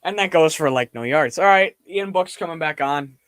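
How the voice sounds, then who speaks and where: A young male streamer rambling in casual chat, his voice a touch higher than most men's. He moves around while he talks, so he drifts nearer to and farther from the mic. The sound is dry and close, with little room echo. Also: moderate pace. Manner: rambling, reacts loudly to plays. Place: home room, standing.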